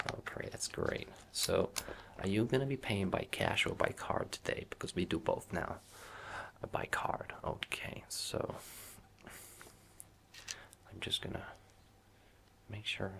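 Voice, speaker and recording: A man doing a softly spoken whispered role-play as a watch shop salesman, with reassuring customer-service patter in a low, gravelly voice. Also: a little hiss or hum.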